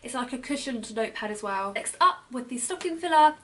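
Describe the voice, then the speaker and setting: A young British woman with a fairly high voice talks through products in a casual, upbeat way. Her voice is a little hoarse, and she fills gaps with frequent ums. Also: expressive, fairly quick. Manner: chatty, enthusiastic product talk with many ums. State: losing her voice. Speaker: beauty blogger. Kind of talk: casual gift-guide vlog.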